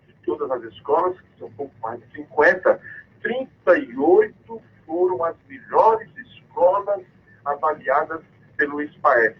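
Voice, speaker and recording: A man's voice: a little high, huge pitch swings, unhurried, gravelly, slightly rough. A man Brazil's Northeast calling into a radio show on a crackly, cutting-out phone line, speaking in an emphatic, accusatory and defiant way. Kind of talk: impassioned phone-in denunciation.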